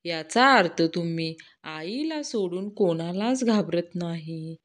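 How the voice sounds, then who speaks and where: A woman's voice: on the low side, animated, takes it slowly, voice pushed down. A woman voicing a cheeky young boy who slyly questions his father. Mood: teasing.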